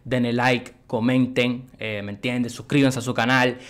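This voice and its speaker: A man talks through a music video in a loose, excitable way. His voice sits at a middling pitch, and he peppers his talk with curses and constant checks that you follow him. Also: unhurried, clean tone. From Cuba. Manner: excitable, swears, keeps asking "you know what I mean". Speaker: music reaction host. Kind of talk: casual reaction commentary.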